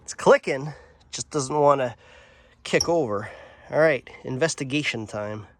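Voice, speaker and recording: Working beside a mower in his home workshop or yard, a workshop channel host, a young-to-middle-aged dad of a daughter, chats offhandedly and thinks aloud with many uhs for his repair vlog. His medium-pitched voice is unhurried and slightly nasal from a sinus infection, with slight background noise.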